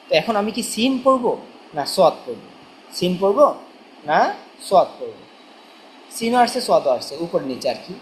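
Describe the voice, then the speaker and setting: A teacher giving a Quran reading lesson, spelling letters out slowly one by one and repeating them in a question-and-answer drill. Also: medium pitch, very animated, a little hiss or hum, rough recording.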